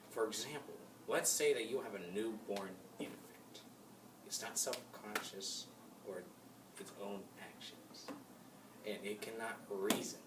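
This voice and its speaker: A young man playing a calm male moral philosopher in a class-project mock debate, reading his lines a bit stiffly with some hesitations. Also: fairly low pitch, lightly acted. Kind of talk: amateur class-project role-play. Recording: echoey room, mic far off, noisy.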